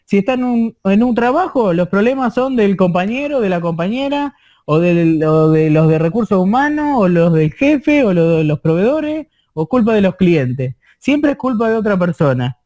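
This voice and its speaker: A man with an Argentine Spanish accent teaching an online course, explaining slowly with many repetitions and checking in with his listeners. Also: high voice, big pitch swings, darkish tone. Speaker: course instructor.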